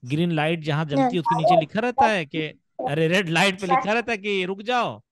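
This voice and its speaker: A man's voice: high voice, lively intonation, brisk, fairly bright tone, dry recording, clean studio sound. A man teaching children to read in an online class, patiently drawing out sounds as he demonstrates them. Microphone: video call.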